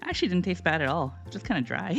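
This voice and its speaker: A woman streamer talks her way through a recipe in her home kitchen, her pitch bouncing up and down as she rambles with plenty of ums and little jokes. The sound is a bit dull and lo-fi, with faint music playing underneath. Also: very animated, racing, vocal fry, a bit bright. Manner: rambling, filler-heavy, jokey. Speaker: streamer cooking on camera. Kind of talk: casual live cooking stream chat.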